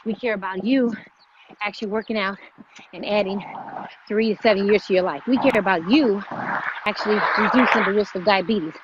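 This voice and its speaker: Speaking fairly quickly but with long pauses, a woman with a medium-pitched voice hosts a motivational live vlog. The fitness motivator talks emphatically and repeats phrases for stress, all captured in muffled, noisy livestream audio.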